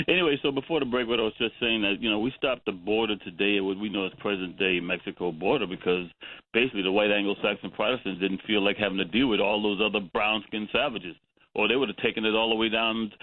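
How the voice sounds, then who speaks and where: A man's voice: on the low side, dry recording. A man calling in to a radio talk show, talking emphatically and going off on tangents, chuckling between his points. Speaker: caller. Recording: tinny phone line.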